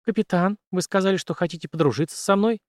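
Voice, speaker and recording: A man's voice: high-pitched, fast, dry recording, studio quality, pitched above the performer's own voice, close to an everyday voice. Hotheaded young woman, as a male reader puts her on, blunt and challenging, lifted voice. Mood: subdued. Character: sharp-tongued young woman, quick-tempered.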